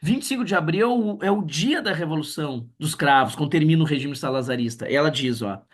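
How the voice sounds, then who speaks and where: A man's voice: a little high, lively intonation, a little fast. A man giving a livestreamed literature lecture, reading poems aloud and checking in with tag questions. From Brazil. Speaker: literature teacher.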